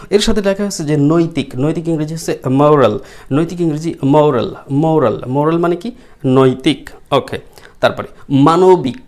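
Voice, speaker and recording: A man's voice: a little high, darkish tone. A man with a Bengali accent teaching English vocabulary, who spells words letter by letter and repeats them, then asks the class questions and answers them himself. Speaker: English tutor. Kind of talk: vocabulary lesson. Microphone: writes on a screen while teaching.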